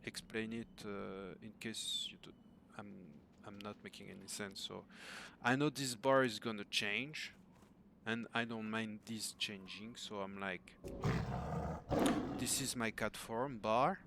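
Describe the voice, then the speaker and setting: A man's voice: on the low side, fairly even intonation, unhurried, noisy background. A man in his thirties with a French accent, talking casually to a coach, full of fillers and restarts. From France. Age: 30s. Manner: hesitant, many fillers and restarts, self-deprecating. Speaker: gamer asking for coaching. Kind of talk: casual recorded message to a coach.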